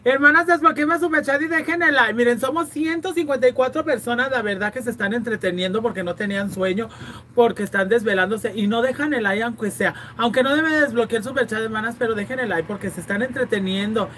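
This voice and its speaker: Mexican woman livestream host, high voice, teasing and crude, reads comments, faint noise behind. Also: fast talker, fairly bright tone. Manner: chatty, teasing, playfully crude. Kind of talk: livestream chat, reading viewer comments.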